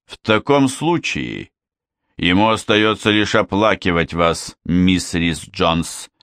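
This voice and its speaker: A man voicing a stern, dignified middle-aged police superintendent who speaks in a slow, measured way. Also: lowish voice, a bit bright, no room sound, clean studio sound.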